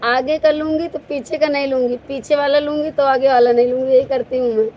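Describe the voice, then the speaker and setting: Playful high-voiced woman live-streaming. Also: fairly even intonation, a little fast, darkish tone, a little hiss or hum, poor audio. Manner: playful, teasing, laughs often. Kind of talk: casual live stream chat.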